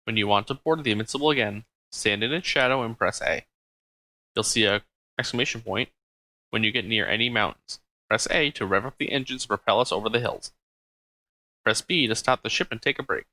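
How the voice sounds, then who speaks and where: Old woman sage from a game, read by a man, instructive, fairly low voice, bright tone. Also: a little fast. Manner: reading game dialogue aloud in an instructive tone.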